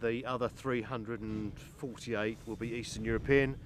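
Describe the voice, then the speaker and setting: Enthusiastic farm manager outdoors, noisy. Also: male voice, mid-range voice, fairly even intonation, moderate pace. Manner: enthusiastic, loud, rambling with restarts. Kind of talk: outdoor interview.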